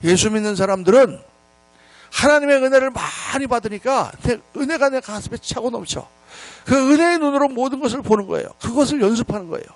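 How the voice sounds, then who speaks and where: A middle-aged man preaching a revival sermon in a church, telling stories in an animated, scolding and then humorous way. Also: very high voice, a little fast, dry recording. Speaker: pastor. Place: church sanctuary.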